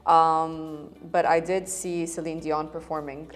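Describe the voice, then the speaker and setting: Chatty lower-voiced woman co-host. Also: level tone, faint music behind. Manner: chatty, lots of fillers and quick bursts. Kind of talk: casual news chat.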